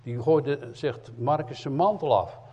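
A man preaching a sermon in as an evangelist, emphatic, swinging between loud cries and quiet earnest asides. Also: medium pitch, unhurried, breathy edge. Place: church hall. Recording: dull lo-fi sound in a reverberant church hall.

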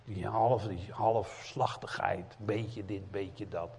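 A man preaching a sermon in as an evangelist, emphatic, swinging between loud cries and quiet earnest asides. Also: on the low side, steady tone, slow, creaky, slight background noise. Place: church hall. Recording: dull lo-fi sound in a reverberant church hall.

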